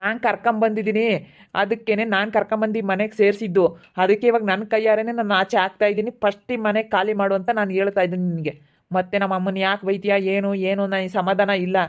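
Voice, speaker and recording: A woman playing a furious fast-talking in-law. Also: medium pitch, flat delivery, dull audio, lightly acted. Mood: angry. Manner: shouting, harsh, rapid. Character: angry in-law throwing someone out of the house.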